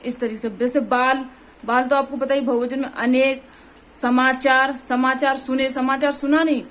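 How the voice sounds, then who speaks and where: A woman with a Hindi accent from Uttar Pradesh gives an exam-prep grammar lesson. Her voice sits high, and she teaches patiently, repeating her points and checking in with the students. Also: level tone, moderate pace. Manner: explains with examples, repeats "ठीक है" often.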